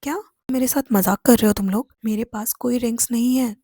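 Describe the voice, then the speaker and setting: A woman's voice: a little high, moderate pace, vocal fry, a little mellow, breathy edge, dry recording, studio quality, heavily acted. A woman reading the lines of a flustered young man in a storybook romance. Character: fretful young man Jimin, groom's friend.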